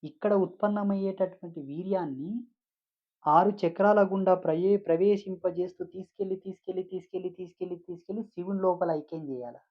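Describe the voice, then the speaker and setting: A man's voice: high voice, brisk, lo-fi sound. A man preaching a devotional sermon as a spiritual teacher, emphatic and repetitive, with frequent rhetorical questions.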